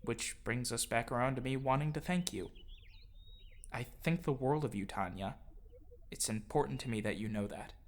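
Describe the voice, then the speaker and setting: With music underneath, a man tells his life story through scripted narration and performed dialogue in an audio drama. His mid-range voice moves at a moderate pace, heartfelt and earnest, and slight background noise can be heard.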